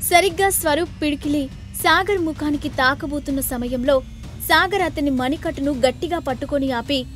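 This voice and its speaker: Female storyteller, high voice, expressive dramatic narration, faint music underneath. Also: moderate pace. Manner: expressive, voices every character.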